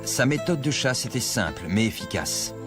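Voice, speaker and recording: A man narrating a scripted nature documentary in a measured, explanatory storytelling manner. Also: medium pitch, sing-song. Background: music.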